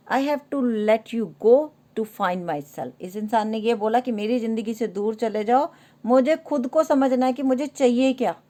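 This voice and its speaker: A woman's voice: a little high, darkish tone. A woman giving an earnest, emphatic tarot reading to her viewers, mixing English card phrases into her talk. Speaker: tarot reader.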